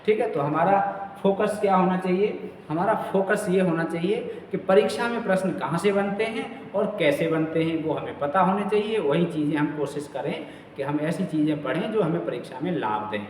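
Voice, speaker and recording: A male teacher running an exam-prep quiz lesson, repeating each question and key word slowly and checking in with his students. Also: a little high, animated, darkish tone. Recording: far from mic in an echoey room with long reverb, faint noise.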